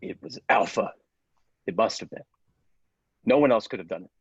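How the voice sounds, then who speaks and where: Guy doing a grave secretive science assistant in a radio play, deep husky voice, kinda dull dry recording. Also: animated, normal speed, no room sound. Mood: alarmed, urgent. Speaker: podcast actor.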